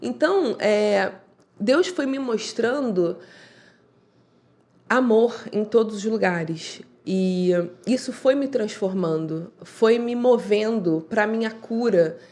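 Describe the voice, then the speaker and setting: A woman's voice: mid-range voice, slow, a little mellow. A woman guest telling her story in a heartfelt, reflective way, often acting out remembered lines of dialogue. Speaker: podcast guest.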